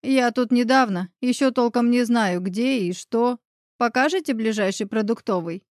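A woman voicing a friendly, bearded new neighbor man who talks in a relaxed, teasing, persuasive way. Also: a little high, moderate pace, dry recording, studio quality, close to an everyday voice.

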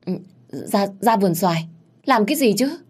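A woman's voice: on the low side, a little slow, a little mellow, breathy edge, pitched above the performer's own voice. Woman voicing a scared guilty lady stammering, shrieky panic, storybook. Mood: terrified. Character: frightened guilty scheming woman, middle-aged.

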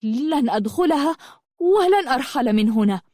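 A woman voicing a stubborn, frightened teenage girl who cries out in high, pleading and defiant bursts in an audiobook. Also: lively intonation, moderate pace, a little mellow, no room sound, clean studio sound. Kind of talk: audiobook storytelling.

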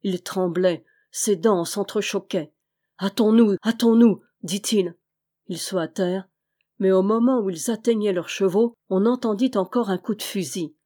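A woman narrating a classic adventure novel in a measured, dramatic reading. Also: mid-range voice, mellow. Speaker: reader.

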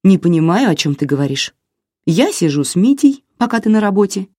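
A reader voicing a calm, confident young woman who gives firm commands and teases. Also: mid-range voice, brisk, no room sound, clean studio sound, voice pushed up. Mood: teasing.

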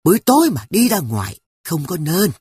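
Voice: medium pitch, wildly swooping pitch, moderate pace, a little mellow, slightly rough, dry recording, pitched above the performer's own voice, exaggerated voice. A storyteller voicing a devout grandmother who scolds and reassures her grandchildren. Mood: scolding. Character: kindly grandmother, devout and stern. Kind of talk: audiobook character voice.

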